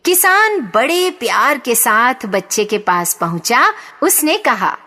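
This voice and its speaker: A woman narrating a children's story in a calm, measured way. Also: on the high side.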